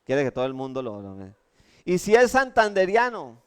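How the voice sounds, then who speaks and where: Colombian man, pastor, animated sermon with jokes, high-pitched, resonant clear voice. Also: moderate pace. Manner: animated, keeps asking the congregation "¿cierto?". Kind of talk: lively sermon with humorous anecdotes. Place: church.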